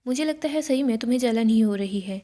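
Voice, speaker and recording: A woman's voice: fairly high pitch, fast talker, warm tone, natural voice. A woman reading the lines of a proud young woman who mocks and provokes others, in a spoken recap of a TV serial. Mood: taunting. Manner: mocking, provoking.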